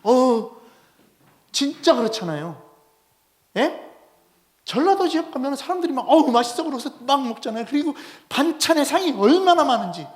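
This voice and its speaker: High-voiced male pastor preaching animatedly. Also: moderate pace, long pauses. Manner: animated, constantly addressing the congregation with rhetorical questions. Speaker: head pastor. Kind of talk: Sunday sermon. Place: church sanctuary.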